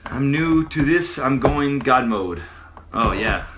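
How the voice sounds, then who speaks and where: Over a noisy background and a roomy echo, a Québécois man whose first language is French takes questions from his livestream chat. He sounds expressive and takes his time, with a mid-range voice. His answers are casual and halting, sprinkled with fillers and curse words.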